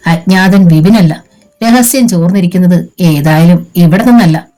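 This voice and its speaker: A woman voicing a wary middle-aged male accomplice in an audiobook, speaking in a measured, questioning way. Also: lowish voice, mellow, natural voice.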